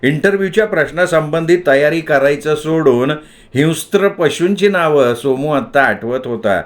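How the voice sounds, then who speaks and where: A man narrating a story aloud in an expressive, dramatic storytelling manner. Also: a little high, moderate pace.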